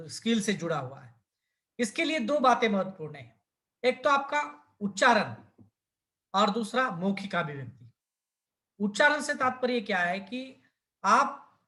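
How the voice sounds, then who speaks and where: A man's voice: high voice, bright, forceful tone. A male teacher giving a lecture, explaining step by step with fillers and self-corrections. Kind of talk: lecture on language skills.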